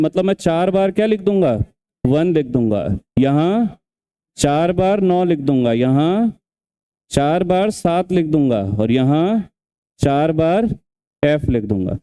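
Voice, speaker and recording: A man's voice: high-pitched, warm tone, smooth. A man teaching an exam revision class, who keeps quizzing and scolding his students and repeats each step. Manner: questioning, scolding, repeats steps.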